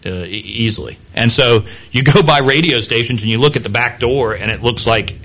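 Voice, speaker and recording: A man's voice: mid-range voice, a little fast, fairly bright tone. A man sitting in as a local radio talk host, chatting casually and rambling with frequent restarts and self-deprecating asides.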